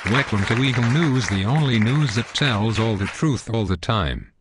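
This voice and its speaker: A man's voice: medium pitch, expressive, moderate pace, over a noisy crowd, very noisy, lightly acted. A synthetic male voice playing a smug, belligerent parody news anchor in a scripted cartoon newscast, stiff and pompous.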